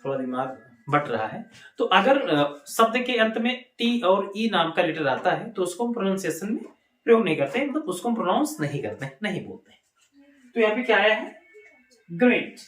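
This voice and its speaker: Male Indian teacher in a classroom, animated questioning delivery, room echo. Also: high voice, moderate pace. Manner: lively, asks the class questions and answers them himself. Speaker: English teacher. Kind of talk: classroom lesson. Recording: echoey room.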